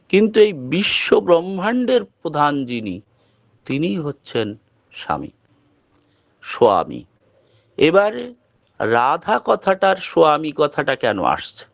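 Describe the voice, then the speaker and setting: A man with a Bengali accent giving a devotional talk, explaining slowly and patiently. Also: on the high side, no room sound. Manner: slow, measured, explaining patiently. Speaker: preacher. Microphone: online meeting audio. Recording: dull lo-fi call audio.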